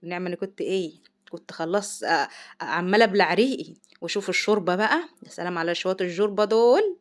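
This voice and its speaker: Egyptian woman, middle-aged, very fast talker, chatty home cooking vlog, excited over food. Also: lowish voice. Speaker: vlogger, mother. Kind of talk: casual cooking vlog chat. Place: home kitchen.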